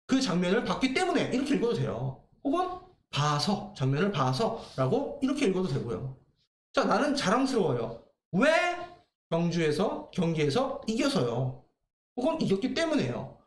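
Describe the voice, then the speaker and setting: Lively guy teaching grammar, high voice that jumps around, keeps asking "why?" and answering himself. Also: moderate pace, reverberant. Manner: lively, asks and answers his own questions. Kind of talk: exam-prep grammar lesson.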